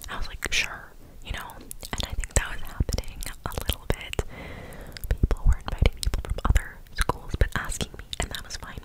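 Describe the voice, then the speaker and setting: A woman in her twenties, an ASMR creator, whispers breathily through cupped hands right up against a desktop condenser mic in a small bedroom. She tells a casual, meandering story a little quickly, and the recording quality is low.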